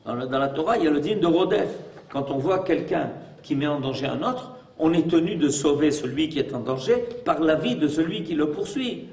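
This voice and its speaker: A man's voice: a little high, expressive, a little fast, a little mellow. A man as a rabbi giving a religious lesson, emphatic and full of rhetorical questions. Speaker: rabbi teaching a class. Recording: echoey room, mic far off.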